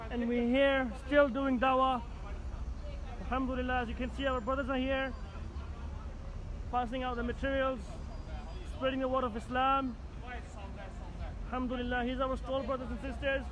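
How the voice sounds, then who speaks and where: A man's voice: very high-pitched, little pitch movement, moderate pace, pauses often, highs cut off, a crowd in the background. A man presenting a street outreach vlog to viewers, sprinkling his repetitive talk with Arabic religious phrases, outdoors on a busy street. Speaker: street dawah volunteer presenting. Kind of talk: vlog walk-through, addressing viewers. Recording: noisy busy street, traffic.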